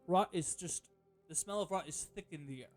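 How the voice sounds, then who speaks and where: A man's voice: a little high, fairly quick, soft background music. A man narrating as game master of a tabletop game, rambling with many fillers and self-corrections.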